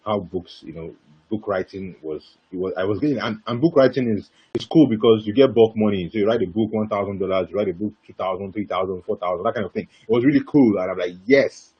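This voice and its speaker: A young man telling his story as a webinar guest speaker, animated and repetitive, bursting into laughter. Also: on the low side, quick pace, breathy edge. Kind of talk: casual webinar talk. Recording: dull lo-fi webinar audio.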